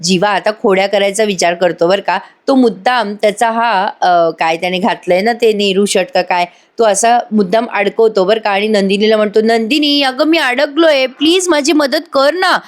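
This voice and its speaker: A woman's voice: medium pitch, steady tone, moderate pace, hardly any pauses. A woman narrating a voice-over recap of a TV serial episode in a chatty storytelling manner, talking to her listeners.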